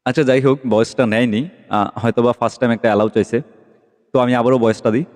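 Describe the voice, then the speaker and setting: Speaking quickly in a steady, darkish mid-range voice, a man guides listeners through an app, pausing often to confirm they're with him. It's a casual screen recording captured on a phone microphone, heavy with long reverb.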